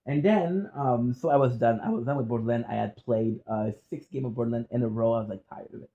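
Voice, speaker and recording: A man with a French accent telling personal stories in a casual, rambling vlog style, often halting to repeat and correct himself. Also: mid-range voice, mellow, dull audio. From France or French-speaking region. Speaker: content creator.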